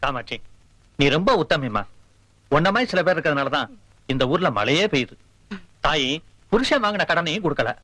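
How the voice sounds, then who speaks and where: A man's voice: a little high, animated, brisk, pauses often, bright, forceful tone, dry recording. An actor playing a pushy, greedy village moneylender who threatens and insists on getting his debt back. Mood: wheedling. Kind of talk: film comedy acting. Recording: film soundtrack with music.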